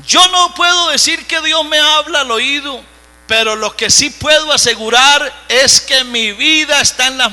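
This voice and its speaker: A pastor with a strikingly high, piercing voice delivers a live sermon at a slow, deliberate pace. He preaches emphatically and breaks into sudden shouts. The sound carries a long church-hall reverb with a faint mains hum beneath it. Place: church sanctuary.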